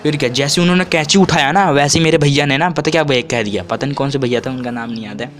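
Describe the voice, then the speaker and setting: Young man rambling through childhood stories. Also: fast. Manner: rambling, restarts and corrects himself; acts out quotes with sudden high pitch. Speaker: vlogger. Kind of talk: casual storytelling.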